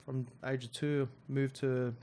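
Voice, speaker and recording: A young Australian man in his twenties, a rugby league player talking as a guest, soft-spoken and halting, with many fillers and restarts. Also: mid-range voice, flat delivery. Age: 20s. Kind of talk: casual interview chat.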